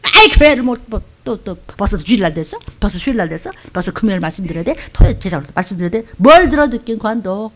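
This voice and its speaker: A woman pastor preaching a fiery, scolding sermon, swinging from loud outbursts to hushed whispers. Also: medium pitch, big pitch swings, fast talker, few pauses. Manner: mimics churchgoers in mocking quoted voices.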